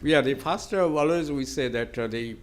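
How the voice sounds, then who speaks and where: A man answering audience questions at a conference, speaking haltingly with many fillers and restarts. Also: mid-range voice.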